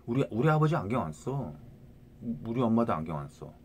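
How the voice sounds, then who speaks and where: A man's voice: mid-range voice, very animated, brisk, a little hiss or hum. A middle-aged man talking to viewers into a phone in a rambling casual monologue, restarting words and often asking "right?".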